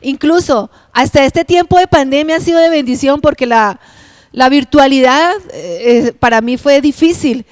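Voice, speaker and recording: Middle-aged woman pastor, heartfelt testimony, slightly high voice, dry close sound. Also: expressive, normal speed, dry recording. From Bogotá, Colombia. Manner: heartfelt, earnest and emotional. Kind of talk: personal testimony.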